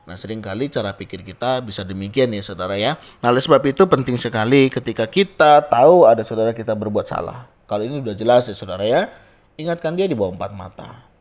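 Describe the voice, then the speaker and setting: A man's voice: medium pitch, expressive, fast talker, darkish tone. A man with an Indonesian accent preaching a daily devotional sermon in a conversational way, often turning to his listeners and telling stories that act out their people. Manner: conversational, often addresses listeners as brothers and sisters; tells stories and acts out the people in them.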